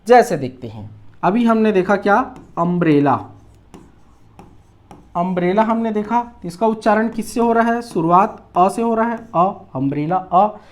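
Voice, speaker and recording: A woman's voice: mid-range voice, moderate pace, a little mellow. A woman teacher explaining English articles in a classroom grammar lesson, patiently posing questions and answering them herself.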